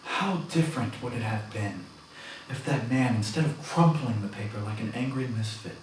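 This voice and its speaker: Solemn soft-spoken man, echoey room. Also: mid-range voice, moderate pace. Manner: soft-spoken, earnest, solemn, self-important. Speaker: parody meditation guide. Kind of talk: mock guided meditation. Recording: very echoey, distant mic, faint noise.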